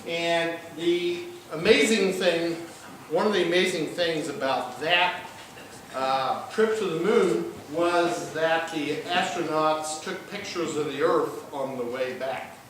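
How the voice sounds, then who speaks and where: An older guest lecturer, a college professor from the southern Missouri Ozarks, speaks in a voice on the high side and a bit bright. His informal public talk is folksy and halting, broken by pauses. Recorded at a distance in a large indoor lecture room, the audio is very echoey with faint noise.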